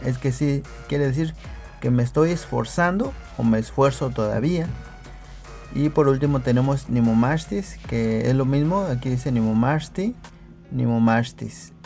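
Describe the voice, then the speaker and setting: Man, language teacher, video lesson, slow careful repetition, raspy low fry, soft music bed. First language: Nahuatl. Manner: patient, repeats phrases slowly for learners.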